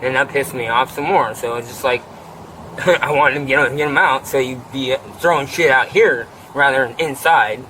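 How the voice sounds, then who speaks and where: A man of middle pitch tells his side of a fight to a deputy, swearing constantly and clearing his throat as he rambles. He is caught outdoors on a body camera mic, with steady noise hissing under his voice. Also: normal speed. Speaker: witness interviewed by deputy. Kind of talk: bodycam interview, agitated retelling. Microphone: officer's body camera. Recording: noisy outdoor bodycam audio.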